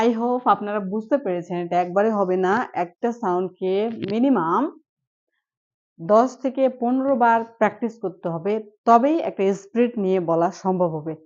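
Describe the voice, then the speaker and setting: A woman teaching an online English pronunciation lesson, speaking slowly and deliberately and repeating each word for practice. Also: mid-range voice, dull audio.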